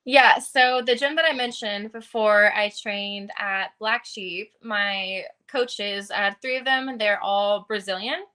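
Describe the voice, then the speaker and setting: Woman, young adult, bright tone, earnest, casual interview talk. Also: medium pitch, a little slow, hardly any pauses, clean tone. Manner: earnest, with fillers and laughs. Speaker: fighter interviewed.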